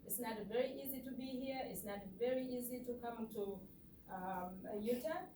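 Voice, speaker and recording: In a lecture hall, a Ugandan woman with a Ugandan accent gives an earnest, emphatic conference talk, posing rhetorical questions to the audience. Her voice is a little high at normal speed, captured far off in an echoey hall with background noise.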